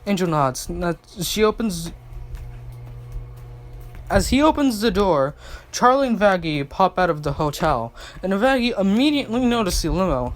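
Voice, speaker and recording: A man's voice: high voice, very animated, moderate pace, soft background music. A man reading a fan story aloud, hurrying with stumbles and restarts. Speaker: fanfic reader.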